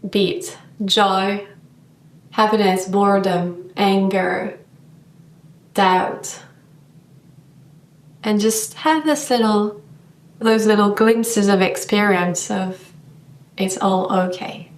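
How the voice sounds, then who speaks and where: A woman's voice: mid-range voice, fairly even intonation, takes it slowly, long pauses, roomy sound, recorded from a distance. A woman yoga teacher talking in a reflective vlog monologue, thoughtful and searching for her words.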